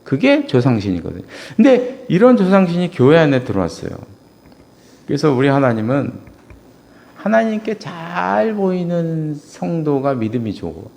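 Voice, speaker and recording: A man preaching a sermon as pastor, telling stories with loud emphatic peaks and quiet low asides. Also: very animated, moderate pace, vocal fry.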